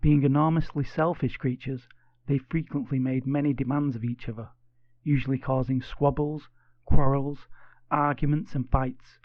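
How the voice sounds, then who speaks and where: A man narrating a children's audiobook with expressive, playful storytelling. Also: medium pitch, moderate pace, dry recording, highs cut off.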